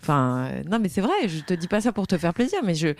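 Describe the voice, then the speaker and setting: A woman's voice: fairly low pitch, very animated, fast talker, dry recording. Effusive woman interviewer, dry close mic. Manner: effusive, admiring, many restarts. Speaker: podcast host. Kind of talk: interview conversation.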